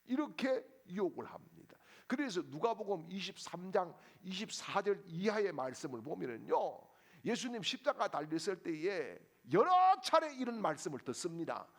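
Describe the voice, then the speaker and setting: Animated, gravelly-voiced male preacher. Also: high voice, moderate pace. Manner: animated, rhetorical questions to the congregation. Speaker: pastor. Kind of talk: sermon.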